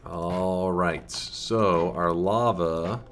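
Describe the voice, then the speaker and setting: A man streaming live gameplay on a headset mic, thinking out loud and swearing casually. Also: low-pitched, drawn-out words, slight background noise.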